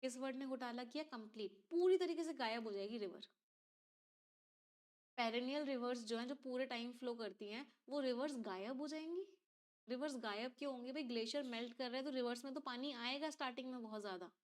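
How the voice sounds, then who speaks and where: During a reading-comprehension lesson for an exam, a woman teacher's slightly high voice moves along fairly quickly. She breaks the passage down step by step, questioning her class again and again.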